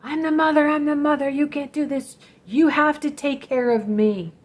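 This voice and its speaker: A woman's voice: fairly high pitch, level tone, normal speed, breathy edge, voice pushed up. A woman quoting her demanding aging mother. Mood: insistent. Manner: insistent, repeating herself.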